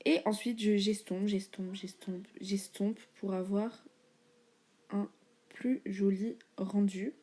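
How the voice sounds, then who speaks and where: A woman's voice: mid-range voice, flat delivery, takes it slowly, dark tone. A young woman chatting casually through a makeup tutorial, with many fillers and informal slang. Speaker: beauty vlogger.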